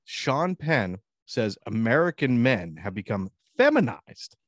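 This talk show co-host has a medium-pitched, very animated voice and speaks a little slowly, with no room sound. His casual banter is profane and rambling, and he often jumps in with interjections.

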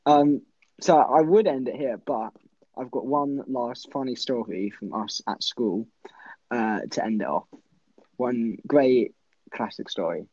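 A young man chats casually on a podcast, winding through a story with restarts and fillers. His voice is mellow and dry, recorded close with no room sound. The audio is dull and lo-fi, like an online call. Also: mid-range voice, measured pace, dry recording. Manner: rambling storytelling with many restarts. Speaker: podcast co-host. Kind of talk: casual chat.

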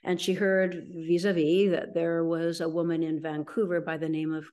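Low-voiced middle-aged woman telling her story. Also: level tone, normal speed, a little mellow, smooth. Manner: rambling, with frequent ums and restarts. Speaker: interview guest. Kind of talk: conversational storytelling.

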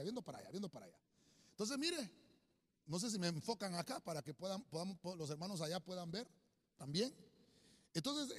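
Fervent preacher man, high lively voice. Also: in a large hall. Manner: fervent, repeatedly says "hermano". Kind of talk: sermon. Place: small church gathering, in a home.

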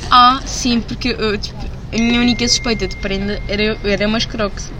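Young Portuguese woman, high-pitched, rapid chatter. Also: fairly even intonation. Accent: European Portuguese. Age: young adult. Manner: informal, slangy. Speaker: podcast host. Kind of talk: casual chat among friends. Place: outdoors in a busy public spot. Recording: clear outdoor urban noise, traffic.

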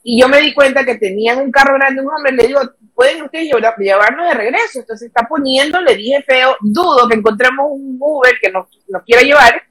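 A woman in her forties with an Ecuadorian Spanish accent, a guest on a talk show, telling long lively stories and quoting her own words along the way. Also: high-pitched, fairly quick, few pauses, slightly rough, rough recording. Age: 40s. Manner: lively storyteller, quoting herself in long anecdotes. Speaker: guest, human rights activist. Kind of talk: casual chat.

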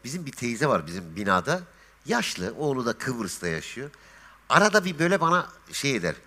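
A man's voice: medium pitch, fairly quick, slight background noise. A man chatting as a guest on a talk show, telling stories and acting out the dialogue. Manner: lively storyteller, acts out dialogue. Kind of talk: casual chat.

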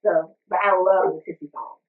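Woman, casual music review, animated and opinionated, tinny phone-like audio, far from mic. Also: lowish voice, moderate pace. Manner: chatty, animated, bursts into sung snippets.

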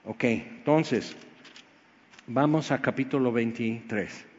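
A man's voice: medium pitch, slow pace, darkish tone. A man preaching a sermon, telling a personal story with feeling and acting out voices. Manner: storytelling, emotional, acts out quoted voices. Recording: dull sound with long hall reverb.

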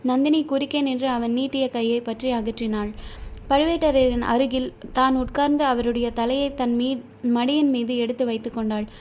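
A woman narrating a storybook in a steady, measured reading. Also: a little high, a little hiss or hum. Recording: dull lo-fi recording.

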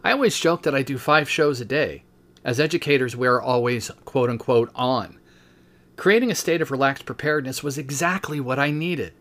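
A man's voice: medium pitch, moderate pace. Man in his fifties reading his book. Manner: steady reading with brief spoken asides. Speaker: teacher and podcast host.

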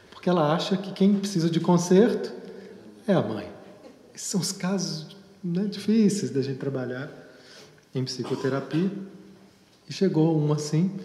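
A man speaks as a psychotherapist in a slow, reflective storytelling way. His voice sits a little high but sounds mellow and soft-edged. It rings out through a large echoey hall with a long reverb tail. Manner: unhurried, storytelling, drawn-out pauses. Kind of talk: reflective talk on therapy and leadership.

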